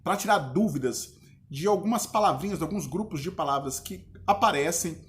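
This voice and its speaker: A man's voice: fairly high pitch, brisk. A male teacher with a Brazilian Portuguese accent, giving a casual grammar lesson and checking in with his students often. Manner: relaxed, chatty, checks in with the class often.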